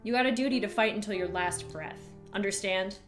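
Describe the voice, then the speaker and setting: A fierce, cunning old grandmother with a blunt, vulgar tongue, as a woman reader puts her on. She speaks gruff and slow, a touch louder than the narration, with soft music behind. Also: mid-range voice, natural voice. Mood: stern.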